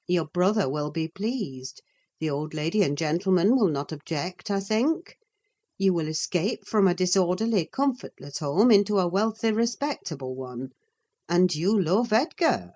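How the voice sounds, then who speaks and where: This is an audiobook read by a woman with a mid-range, slightly mellow voice. She voices a practical, cautious female servant who speaks in a measured, reproving way.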